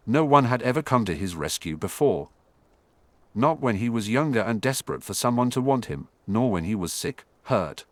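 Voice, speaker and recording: A man narrating an audiobook in an expressive storytelling manner. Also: lowish voice, no echo.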